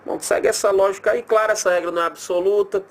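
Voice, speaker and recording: With a high voice and a Brazilian accent, a man animatedly teaches a recorded grammar lesson. He draws example words out slowly and asks himself rhetorical questions along the way.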